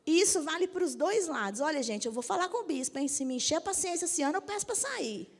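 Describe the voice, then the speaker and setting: In a fast, high-pitched voice full of lively intonation, a woman in her fifties who serves as a Methodist bishop delivers a direct sermon. She often checks whether the congregation agrees, and the hall gives a long reverb.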